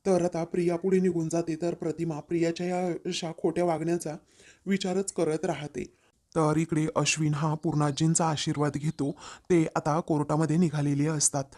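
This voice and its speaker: A man recapping a TV serial episode as a story, in a steady, plain retelling. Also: a little high, normal speed.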